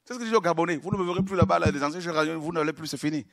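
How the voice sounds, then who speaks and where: A man preaching a sermon, moving from low, confiding talk to shouted praise. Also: racing, vocal fry, no room sound, clean studio sound.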